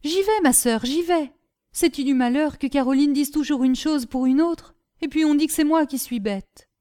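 A woman's voice: sits high, normal speed, dark tone, pitched above the performer's own voice, lightly acted. A woman reading aloud, voicing Gribouille, a simple-minded, earnest young peasant boy who tells his tale eagerly. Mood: anxious. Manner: naive, eager, breathless storytelling.

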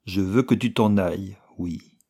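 A man's voice: low-pitched, measured pace, dark tone, slightly rough, exaggerated voice. Man voicing a cold, cruel husband. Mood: curt. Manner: cold, detached, curt.

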